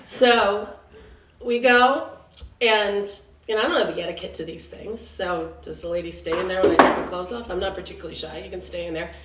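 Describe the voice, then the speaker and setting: A woman in her late forties telling a self-mocking, chatty comic story on stage, with quick asides. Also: mid-range voice. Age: late 40s. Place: theater stage before an audience. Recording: roomy, distant, noisy live room.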